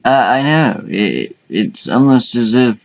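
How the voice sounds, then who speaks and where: Hosting a contest, a man chats casually and crudely, swearing now and then as he offers commentary. His medium-pitched voice is slow, creaky and sing-song, heard through dull lo-fi voice chat audio.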